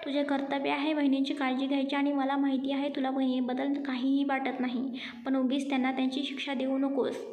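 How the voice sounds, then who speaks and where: A woman's voice: sits high, completely flat delivery, fairly quick, a little mellow, lightly acted. A woman voicing an urging, concerned male friend in a storybook reading. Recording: echoey room with faint music.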